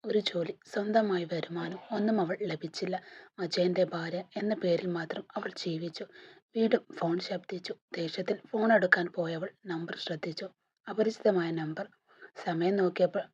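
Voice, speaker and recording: A woman telling a scripted story in a hushed, breathy, husky voice. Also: fairly low pitch. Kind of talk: scripted narration. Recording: dull lo-fi recording.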